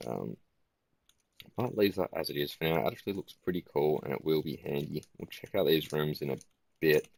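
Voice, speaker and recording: A tired man giving casual gameplay commentary in a flat, musing way. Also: a bass voice, moderate pace, creaky. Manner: self-described monotone, relaxed and musing.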